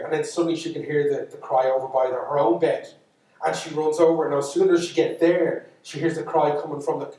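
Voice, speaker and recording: An Irish man telling a folk tale to a live audience, with dramatic swings between loud and hushed. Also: medium pitch, slight background noise. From Ireland. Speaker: storyteller. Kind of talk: live storytelling lecture. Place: lecture hall. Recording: echoey hall from far off.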